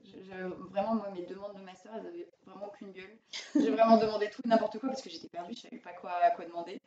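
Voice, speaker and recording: A young woman giving informal, halting explanations as a student guest in a casual interview. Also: mid-range voice, fairly even intonation. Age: young adult. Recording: roomy, distant, dull, background chatter.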